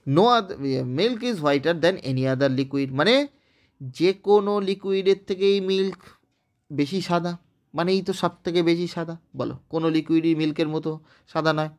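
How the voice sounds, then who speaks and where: A man's voice: a little high, normal speed. A man from West Bengal with a Bengali accent, teaching an English grammar lesson step by step and often checking that his students have understood. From West Bengal, India. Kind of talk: recorded online grammar lesson.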